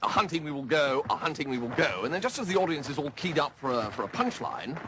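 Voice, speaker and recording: A dithering young English gentleman, high-pitched and lively, who stumbles over his words. His voice bounces about as he hedges. Clear background noise from a TV drama sits behind him. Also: quick pace. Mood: flustered. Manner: hesitant, stammering, full of ums.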